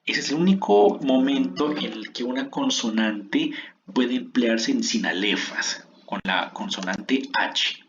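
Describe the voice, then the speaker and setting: A man teaches a lesson on poetic meter, counting syllables aloud slowly and drawn out, and often restarting his phrases. His mid-range voice is animated, captured in a lo-fi recording with slight background noise.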